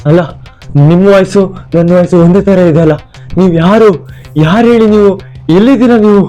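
A man's voice: high-pitched, fairly quick, warm tone, soft background music, lightly acted. A man as a panicked lost young man. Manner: frightened, pleading.

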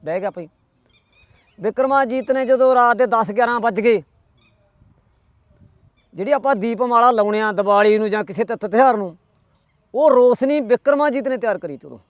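A man's voice: extremely high pitch, normal speed, pauses often, no room sound, clean studio sound. A man telling a folk tale in a rustic, chatty way, tagging every quote with who said it. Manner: rustic, chatty, with constant "he said, she said" tags. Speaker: storyteller.

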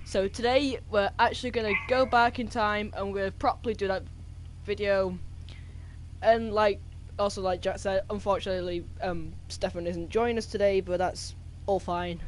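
A man's voice: sits high, steady tone, normal speed, slight background noise. A man co-hosting a gaming video, giving a casual intro with frequent ums and restarts. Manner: hesitant, lots of ums. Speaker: co-host.

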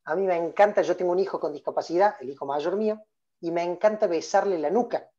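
Speaking fast in a high voice with a dark tone, this Rioplatense public speaking trainer engages his online workshop by naming attendees and posing lots of questions. The video-call audio lacks high frequencies.

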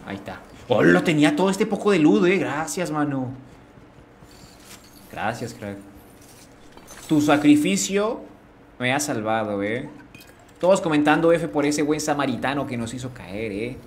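A man's voice: on the high side, expressive, a little slow, long pauses, a little hiss or hum. A man streaming a game live, chatting casually. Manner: chatty, greets chat, slangy.

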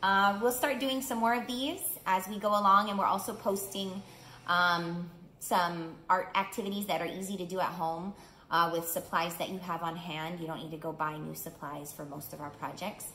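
Middle-aged female storytime reader for kids, slow and simple delivery, echoey room with clear background noise. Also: on the low side, fairly even intonation, sharp tone. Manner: simple, clear phrasing with questions to young listeners. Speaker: children's art studio teacher reading storytime. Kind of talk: picture book read-aloud for young children. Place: small indoor room. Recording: roomy indoor echo, clear background noise.

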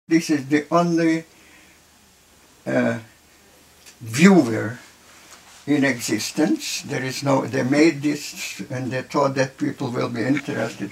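Slow, gravelly old Lithuanian-accented man. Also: mid-range voice. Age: 90s. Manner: halting, with many restarts and pauses. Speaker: filmmaker recounting his life. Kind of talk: reflective storytelling. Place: cluttered workshop indoors, small room.

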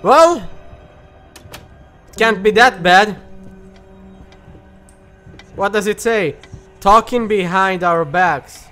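A man hosting a horror game let's play on a desk mic with a pop filter, excitable, yelping and shouting at scares between jokey asides. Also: high-pitched, very slow, pauses often, faint music behind. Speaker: gaming channel host.

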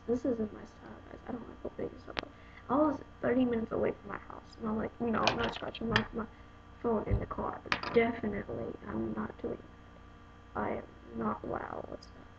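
A woman's voice: fairly high pitch, vocal fry. A young woman in a casual unboxing review, talking to her viewers in a rambling, exasperated way. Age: young adult. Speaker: vlogger reviewing a phone case. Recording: dull lo-fi home video with noise.

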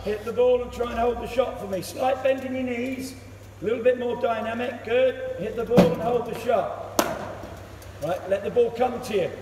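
A man coaching a young batter one-to-one in an indoor cricket net, giving brisk instructions and praise. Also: very high-pitched. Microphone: camera across the net, far off. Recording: echoey hall, voice from far off, loud noise.

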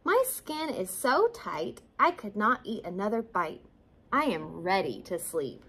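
A woman voicing a tired, overfull woodchuck in a storybook read-aloud, with slow sighing speech. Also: medium pitch, very animated, sharp tone, breathy edge, heavily acted. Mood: weary.

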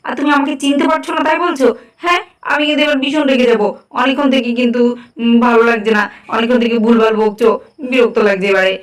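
A woman's voice: on the high side, steady tone, rapid-fire, reverberant, far from the mic, natural voice. A woman voicing an exasperated, caring daughter-in-law in a cartoon, pleading and scolding in a homely tone.

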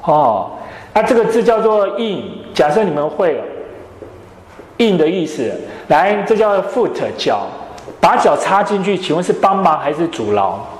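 A male English teacher, lecturing a classroom and quizzing students with quick questions. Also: high voice, very animated. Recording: echoey classroom.

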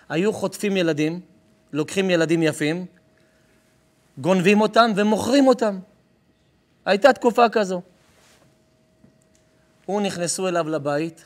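A rabbi giving a live sermon, telling a story with emphasis and calling to his listeners directly. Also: high-pitched. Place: live lesson before an audience.

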